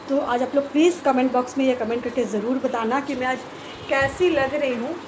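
A woman with a Bengali accent vlogging casually at home, talking fast and chatty with many fillers. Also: high-pitched, fairly even intonation, background noise. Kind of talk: casual vlog to camera. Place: at home, hot room with fan running.

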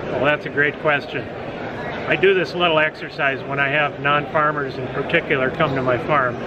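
A middle-aged man, a farmer, gives measured, articulate answers in an expo interview. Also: on the high side, fairly even intonation, very noisy. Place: indoor expo booth. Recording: dull audio with loud crowd.

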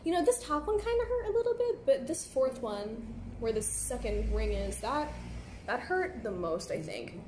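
During a casual live stream, a young woman with a slightly high voice swings widely in pitch at a normal speed. Relaxed and chatty with frequent "like" fillers, she answers viewer comments in a nighttime indoor café, phone held at arm's length amid a faint hum.

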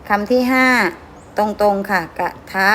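A woman's voice: medium pitch, a bit bright, slight background noise. A woman teacher going through worksheet answers with her pupils, sounding out words syllable by syllable and often asking whether they follow. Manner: drawn-out syllable-by-syllable reading, frequent checking questions. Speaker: schoolteacher.

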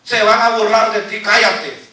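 A preacher voicing a taunting demon. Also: male voice, sits high, measured pace, pushed and bright, pitched below the performer's own voice, full character voice. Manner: mocking, snaps "cállate". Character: taunting demon, male, scornful and bullying. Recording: very echoey church hall, voice from a distance.

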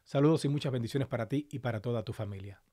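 A man hosting a casual live stream, a little hoarse from long talking, greeting viewers affectionately by name. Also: mid-range voice, quick pace, warm tone. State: slightly hoarse after an hour of talking.

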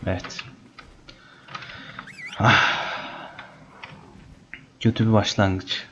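Gaming host, male, low mellow voice, chatty Let's Play commentary, dull lo-fi mic. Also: little pitch movement, very slow, a little hiss or hum. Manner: playful, taunts the game animals, chatty with viewers.

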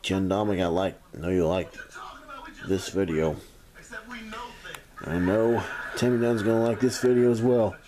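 Slow-talking young man, halting delivery. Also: level tone, dark tone. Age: young adult. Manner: halting, hesitant, low-key delivery. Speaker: snack reviewer. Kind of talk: casual video food review. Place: small room at home, indoors. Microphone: camera at about arm's length. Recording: faint background noise, amateur camera.

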